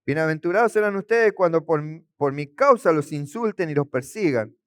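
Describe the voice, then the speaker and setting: Preaching man, smooth clear voice. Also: a little high, expressive, dry recording. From Argentina. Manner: teaching, asks the congregation questions, slows to stress words. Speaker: pastor. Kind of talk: sermon.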